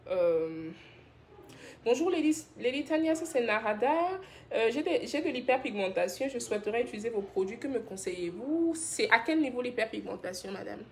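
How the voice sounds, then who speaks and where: A woman's voice: on the high side, lively intonation, moderate pace, darkish tone, a little hiss or hum. A woman from Benin, hosting a live stream and chattily answering viewer comments about skincare. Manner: chatty and affectionate, laughs often, reads comments aloud. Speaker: skincare brand host.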